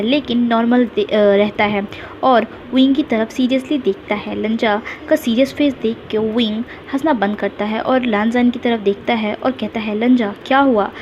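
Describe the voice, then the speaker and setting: A woman retells a fan fiction story, walking through events at a steady pace. Her voice sits fairly high. The sound is dull and lo-fi, with a faint hiss behind it. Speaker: story narrator.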